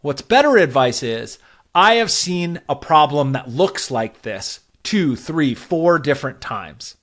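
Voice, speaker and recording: Slow and sing-song, this man's slightly high, fairly bright voice carries his advice as a podcast guest. He's a growth advisor who lays things out casually but with structure, using plenty of filler words.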